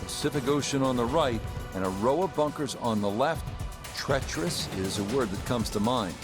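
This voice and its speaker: A man giving measured, polished golf commentary as the lead announcer of a televised tournament in a video game. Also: medium pitch, expressive, over music, natural voice. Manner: measured, polished broadcast delivery.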